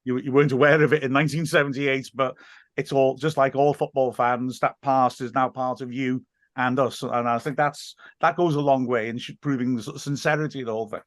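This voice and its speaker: A man chatting casually as an interviewer and football fan, earnest and a little halting in how he puts things. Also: medium pitch, fairly even intonation, no room sound, studio quality. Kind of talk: casual conversation.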